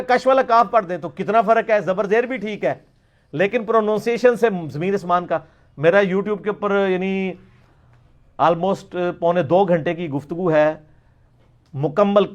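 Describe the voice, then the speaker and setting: Man lecturer, middle-aged, high pitch; emphatic Q&A teaching, demonstrates words aloud. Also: dull audio. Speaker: religious lecturer. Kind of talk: question-and-answer lecture.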